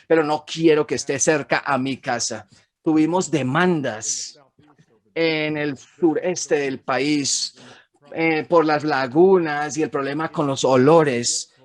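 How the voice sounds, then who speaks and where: A man's voice: fairly high pitch, fairly even intonation, slow pace. A man, an economist, giving a frank, emphatic webinar presentation over slides, with some fillers and restarts. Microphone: webinar recording.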